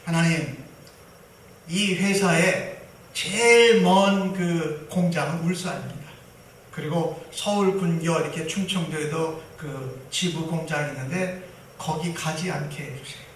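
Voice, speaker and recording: A man voicing a devout young man who quietly pleads in prayer, inside a sermon. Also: high-pitched, a little slow, distant mic, a little hiss or hum. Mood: pleading. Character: earnest young man praying humbly. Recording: roomy hall from afar.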